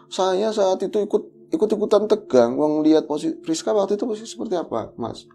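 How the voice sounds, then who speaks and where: Man, horror storyteller, casual chat, animated, acts out voices, slightly high pitched, gravelly. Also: fast. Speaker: guest storyteller.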